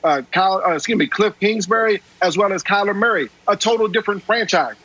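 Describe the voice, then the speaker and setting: A man with a husky, fairly high voice makes a steady, persuasive sports argument. His audio comes through a dull, muffled remote line. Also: fast talker, dry recording. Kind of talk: sports debate.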